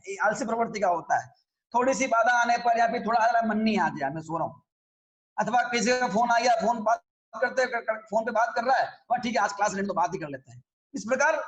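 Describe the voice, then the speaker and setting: A man's voice: very high-pitched, echoey room. A man teaching a religious scripture class, explaining in a conversational way and often checking that his listeners follow.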